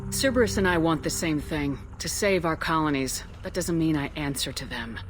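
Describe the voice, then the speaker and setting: A woman's voice: deep voice, moderate pace, natural voice. A woman playing a resolute space marine commander in a video game, speaking in a controlled, terse way. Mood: firm. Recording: loud music over the voice.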